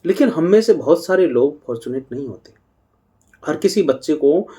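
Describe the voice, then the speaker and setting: A middle-aged man giving a calm devotional talk on parenting as a spiritual teacher, unhurried and pausing now and then. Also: on the high side.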